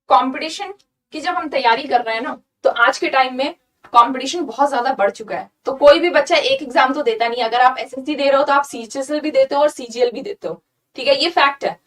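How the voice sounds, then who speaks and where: A woman with a high voice teaches an online vocabulary lesson. She repeats key words slowly and keeps asking "clear?". She sounds a little distant from the microphone. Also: fairly bright tone. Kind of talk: online exam-prep lesson.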